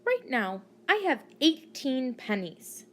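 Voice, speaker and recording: High, very slow woman teaching children counting. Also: sing-song, a bit bright. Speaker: primary school maths teacher. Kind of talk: scripted lesson narration for children.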